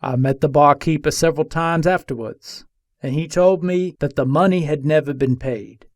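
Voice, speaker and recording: A man plays an embattled Old West gunslinger in a dramatic reading, telling his side from jail in deliberate, formal, old-fashioned phrasing. His voice sits a little high for a man yet stays close to an everyday voice, recorded dry and close with no echo. The mood is one of measured recounting.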